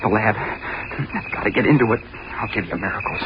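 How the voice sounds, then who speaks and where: An actor playing an earnest, obsessive, rejected young college student, hesitant and intense, in a 1930s radio drama. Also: male voice, fairly low pitch, animated, fairly quick, close to an everyday voice. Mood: feverish defiance. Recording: dull, very noisy 1930s radio recording.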